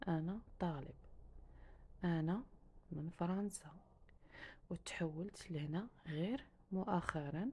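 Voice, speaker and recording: A woman teaching a language lesson, saying each phrase slowly and then repeating it for learners. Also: lowish voice, mellow, slight background noise.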